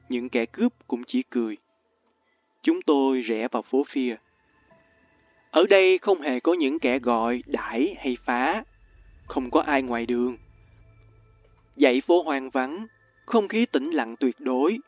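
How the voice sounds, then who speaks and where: A man narrating a suspenseful story in the first person with measured delivery. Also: mid-range voice, dry recording. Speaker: audiobook narrator. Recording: tinny lo-fi with faint music.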